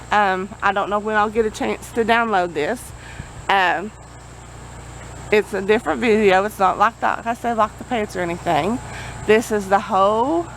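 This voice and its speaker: A woman's voice: medium pitch, fairly bright tone, low-quality recording. A woman gives a casual vlog update outdoors in a folksy, rambling way, talking over generator and vehicle noise. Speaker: vlogger. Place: outdoors near a road. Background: generator and passing vehicles.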